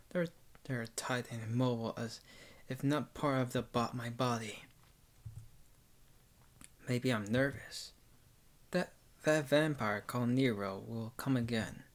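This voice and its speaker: A man reading a visual novel aloud in first person, halting and stumbling at times and dropping into whispers. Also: mid-range voice. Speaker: narrator.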